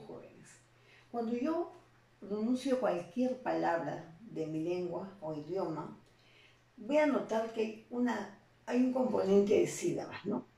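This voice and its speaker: A woman teacher with a Peruvian Spanish accent gives a slow, deliberate lesson and keeps asking rhetorical questions. Her voice is gravelly and mellow. She sits back from the mic in a very echoey room. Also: medium pitch, recorded from a distance. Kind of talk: classroom lesson.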